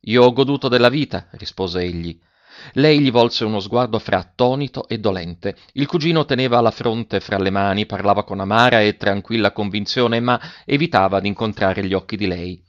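A man narrating an audiobook in a steady, measured way, on a dull lo-fi recording. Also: lowish voice. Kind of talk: audiobook reading.

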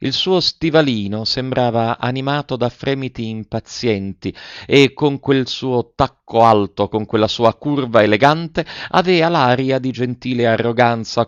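A man narrating a classic novel in a measured, steady reading. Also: medium pitch, dry recording. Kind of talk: scripted literary narration. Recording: dull, dry recording.

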